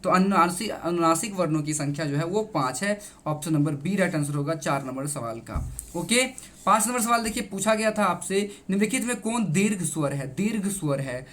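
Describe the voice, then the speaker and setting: A man's voice: sits high, lively intonation, normal speed, fairly bright tone. Emphatic male teacher. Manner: repeats each answer, keeps addressing the students; emphatic, reassuring. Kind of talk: exam answer-key explanation.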